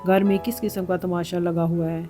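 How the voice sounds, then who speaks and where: A woman voicing a father in a read-aloud story, gentle but firm as he questions his daughter. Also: fairly low pitch, little pitch movement, music in the background, lightly acted. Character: worried middle-aged father.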